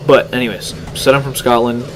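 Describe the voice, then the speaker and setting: A man's voice: mid-range voice, flat delivery, a little fast. A teenage boy from California rambling casually while commentating his own gameplay. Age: teens. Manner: rambling, chatty, self-deprecating. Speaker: gaming channel host. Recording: game noise behind voice.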